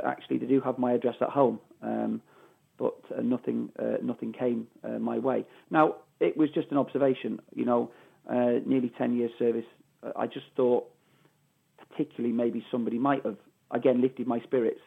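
Heard over a phone call, a middle-aged former footballer from Manchester, England, with a Mancunian accent answers interview questions emphatically, repeating phrases to stress them. His voice is medium-pitched, creaky, and slightly rough.

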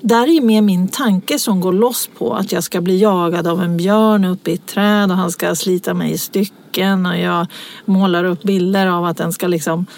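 A woman's voice: on the low side, steady tone, vocal fry, a little mellow. A woman in casual chat, telling personal stories and laughing as she talks. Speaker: podcast co-host.

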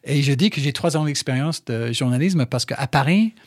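A middle-aged man from England, a podcast guest, telling stories in French with an English accent, animated and full of restarts. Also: medium pitch, normal speed, no room sound, clean studio sound. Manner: animated storyteller, fillers and restarts. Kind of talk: casual conversation. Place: studio.

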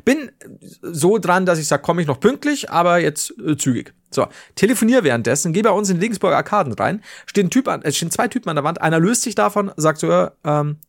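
Podcast host, male, slightly high-pitched, rambling animated storyteller who acts out every quote. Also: quick pace, creaky. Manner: swears casually, rambling restarts. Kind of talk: casual storytelling chat.

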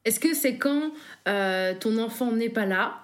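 A woman's voice: a little high, lively intonation, measured pace, slight background noise. A woman playing a word game who talks in an easygoing way while telling little stories. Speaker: game player. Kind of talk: casual chat. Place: apartment.

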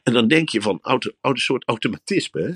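A man co-hosting a podcast, riffing through a rambling, over-the-top comic ad read that swings into high, excited exclamations. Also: fast talker, husky, dry recording. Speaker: podcast co-host reading an ad.

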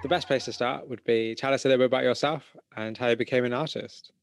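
A man hosting an art interview podcast, measured in his intro and relaxed and keen in conversation. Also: medium pitch, a little hiss or hum. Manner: scripted, measured intro then relaxed, enthusiastic chat. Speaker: podcast host.

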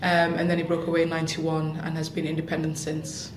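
A woman's voice: completely flat delivery, quick pace. A woman from Somaliland, a social activist and guest, explaining at length with frequent fillers. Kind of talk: casual interview explanation. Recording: echoey room with faint rumble.

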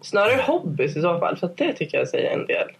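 A woman's voice: on the low side, sing-song, creaky, breathy edge. A 21-year-old woman from Sweden chatting easily as a podcast guest. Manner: chatty, easygoing, quick to laugh. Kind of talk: casual chat.

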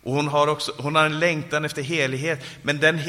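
A man's voice: little pitch movement, sharp tone. A man preaching a sermon at a summer conference and closing in fervent prayer. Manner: fervent, rising to calls and dropping low in prayer. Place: conference hall. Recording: live sermon in a reverberant hall.

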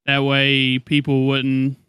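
A man's voice: mid-range voice, monotone, takes it slowly, a bit bright, smooth, no room sound, clean studio sound. A man co-hosting a podcast in casual chat, hesitant and restarting his sentences. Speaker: podcast co-host.

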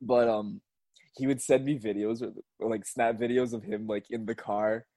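A man's voice: on the low side, steady tone, normal speed, warm tone, dry recording. A young man co-hosting a podcast, chatting casually, laughing often and swearing freely. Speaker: podcast co-host. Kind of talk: casual chat.

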